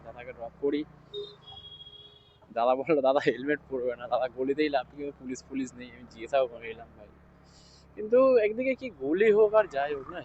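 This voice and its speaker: Man speaking quietly while riding in traffic. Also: medium pitch, muffled recording. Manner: talks quietly because his mic distorts. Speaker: bike taxi rider vlogging. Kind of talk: casual ride-along vlog chat. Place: outdoors on a scooter in city traffic. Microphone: action camera mic while riding. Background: wind and traffic noise.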